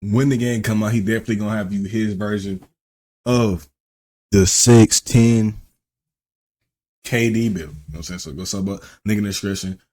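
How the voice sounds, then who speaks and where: A man's voice: on the low side, steady tone, fast talker, a little mellow. A man hosting a gaming channel, chatting casually in slangy, laid-back talk. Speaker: YouTube gaming channel host. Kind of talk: casual reaction commentary.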